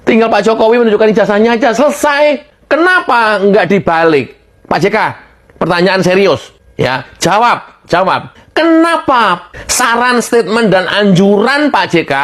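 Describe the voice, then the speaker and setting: A woman giving heated political commentary, indignant and mocking, laughing scornfully and repeatedly calling out the person she criticises. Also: mid-range voice. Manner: indignant, mocking, repeatedly addressing her target; laughs scornfully between remarks.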